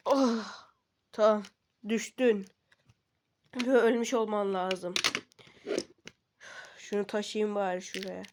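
A woman's voice: medium pitch, level tone, takes it slowly, long pauses, a little mellow, slight background noise. A woman giving playful game commentary, making sound effects and talking to the figures on screen. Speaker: gamer.

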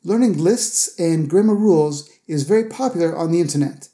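A man teaching English pronunciation in a scripted lesson, with a mellow, warm tone. He breaks words down slowly, enunciating each syllable with care. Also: a little high, animated. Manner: slow, careful enunciation of example words.

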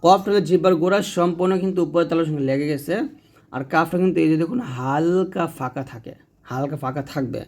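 A man, teaching a recitation lesson slowly and drawing out sounds to demonstrate them. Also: a little high, a little mellow. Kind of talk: explanatory lesson.

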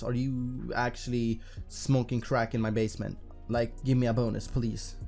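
A man with a mid-pitched voice chats casually to viewers while streaming slots. He talks in slangy, sweary bro speak, with music behind him. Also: warm tone. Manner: profane, slangy bro talk. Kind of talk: casual gambling commentary to viewers.

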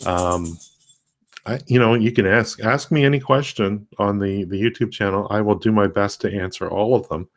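Low-voiced man rambling on a livestream. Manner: rambling, halting, many fillers and restarts. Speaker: host of a tutorial livestream. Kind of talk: casual livestream talk. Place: home desk with a laptop.

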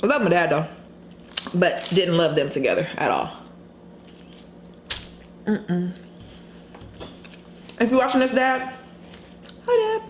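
A woman vlogger chatting candidly while eating on camera, pausing to chew and hum over her food. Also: fairly low pitch, big pitch swings. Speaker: mukbang vlogger. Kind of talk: casual mukbang chat while eating. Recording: echoey room, faint background noise.

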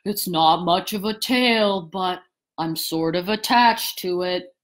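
A woman putting on a gloomy old male donkey from a storybook. His voice sits low and drags, always sounding let down. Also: takes it slowly. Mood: glum.

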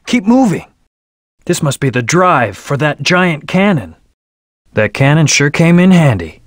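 A man's voice: a little high, big pitch swings, a little slow, no echo, studio quality. An actor playing a brooding, aloof hedgehog antihero in a video game, terse, serious and commanding as he leads his team. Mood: determined. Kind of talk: English video game voice acting, short battle callouts.

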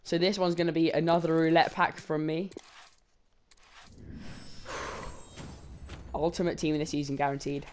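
A man giving lively, bantering commentary while opening game packs. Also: a little high, unhurried, pauses often, a little hiss or hum. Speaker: gaming channel co-host. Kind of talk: casual pack-opening commentary.

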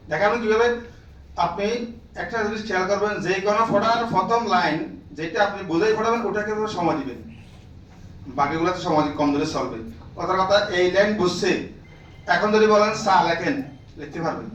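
A high-voiced man gives a classroom lecture to teachers and keeps firing questions at the room to make them answer. The sound is roomy and echoing, picked up from a mic some distance away. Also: fast talker, fairly bright tone, a little hiss or hum. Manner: drills the room with repeated questions, prods listeners. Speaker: teacher trainer.

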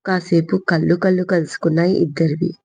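Woman storyteller, husky, steady, dry close sound. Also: on the low side, fast talker, dry recording. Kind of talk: scripted narration. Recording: dull lo-fi recording.

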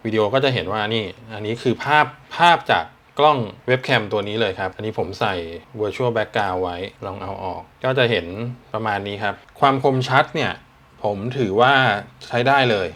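A man's voice: on the low side, moderate pace, a bit bright. Male tech reviewer, casual, explains step by step with fillers.

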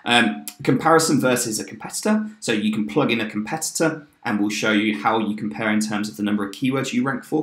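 A man in his thirties giving an upbeat, chatty screen-share walkthrough of a software tool, with fillers and quick restarts. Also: lowish voice. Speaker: software demo presenter. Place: indoor room, webcam in corner of screen share. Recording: roomy echo.

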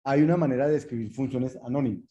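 A male programming lecturer with a deep, dark, mellow voice at a middle pitch. He explains patiently and repeats his points, often checking in with his students. He thinks aloud as he types code during the lesson. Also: fast talker, dull audio. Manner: patient, repetitive explaining with rhetorical check-ins; addresses students formally, thinks aloud while typing. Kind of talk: lecture with live coding.

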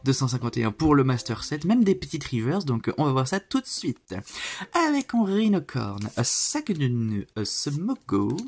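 A man chatting casually to viewers as he opens card packs, easily excited. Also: mid-range voice, moderate pace. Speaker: card-opening video host. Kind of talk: casual chat while opening card packs.

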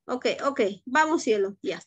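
A woman's voice: sits high, lively intonation, unhurried, no echo. A woman teacher leads an online class, correcting students' pronunciation and checking in often. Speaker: English teacher. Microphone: video call.

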